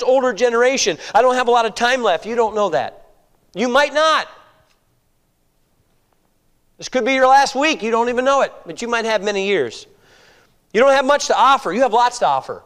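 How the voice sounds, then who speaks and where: Smooth and fairly bright, the extremely high voice of a fifty-something pastor from the United States rings out with a long reverb tail. He preaches conversationally, leaning on rhetorical questions and often asking "all right?"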